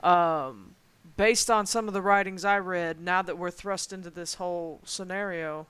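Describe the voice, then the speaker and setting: A woman playing her character in a tabletop game, talking thoughtfully and deliberately. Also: lowish voice, fairly bright tone, clean tone, no echo. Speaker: player. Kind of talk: in-character tabletop role-play.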